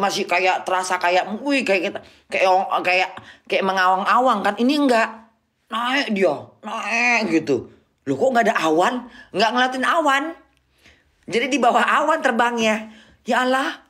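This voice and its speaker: A woman's voice: a little high, fairly bright tone. A middle-aged woman from Indonesia telling a travel story on a live stream, exclaiming often and acting out sounds and quoted exchanges.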